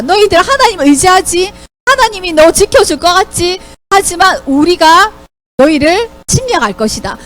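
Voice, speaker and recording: A woman's voice: very high voice, a bit bright, slight background noise, voice pushed up, full character voice. A woman voicing an arrogant enemy official who taunts a besieged people with boastful threats.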